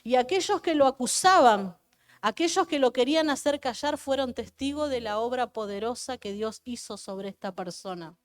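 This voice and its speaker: Preaching fervently at a church service, this Argentine-accented woman pastor repeats her lines and asks the congregation questions. She speaks at a moderate pace in a fairly high voice.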